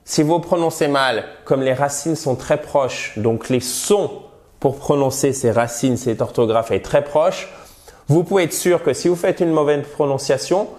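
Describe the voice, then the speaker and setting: A man teaching English pronunciation in an online lesson, modelling words with slow, deliberate stress. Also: fairly high pitch, darkish tone.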